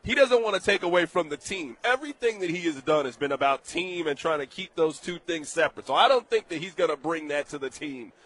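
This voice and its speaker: Animated, emphatic male sports host. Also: on the high side, fairly quick, few pauses, slightly rough. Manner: emphatic, playful, riffing on hypotheticals. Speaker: sports betting show host.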